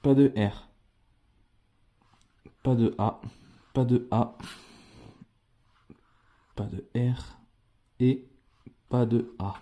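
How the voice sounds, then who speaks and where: Hosting a scratch-card video, a man chats casually with viewers as if they were friends, spelling out letters one at a time as he scratches. His mid-range voice stays steady and mellow, moving extremely slowly with long pauses. The audio sounds dull.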